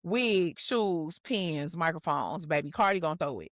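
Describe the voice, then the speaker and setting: A woman co-hosting a podcast in casual chat, her voice sitting a little low. She talks in playful, animated bursts. The sound is dry and close, with no room around it. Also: a little slow, no echo. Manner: animated, playful, bursts of laughter and rapped quotes. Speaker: podcast co-host.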